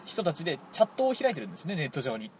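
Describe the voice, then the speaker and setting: A man with a Toyama dialect tells a story in quick, animated bursts, his pitch jumping high and low. He restarts his sentences and rambles. A faint background hiss sits under the recording. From Toyama, Japan. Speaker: podcast co-host. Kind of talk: casual storytelling chat.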